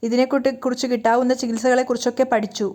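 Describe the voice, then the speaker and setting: A woman's voice: on the high side, little pitch movement, very fast, a little mellow, lightly acted. A woman reading the lines of a protective young woman who scolds firmly, in her own voice. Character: firm protective young woman, sharp-tongued.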